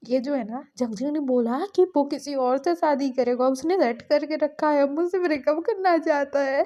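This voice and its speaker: A sulky, tearful young man in a read-aloud story, as a woman reader puts him on. The voice sits high and soft, with a mellow tone on a muffled, lo-fi recording. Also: brisk, lightly acted. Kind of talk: storybook reading.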